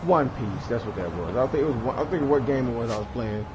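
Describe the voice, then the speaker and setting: A man's voice: mid-range voice, animated, fast talker, poor audio. A man in his thirties giving casual let's-play commentary, rambling and laughing often as he acts out screams. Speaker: gaming YouTuber. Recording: game music behind voice.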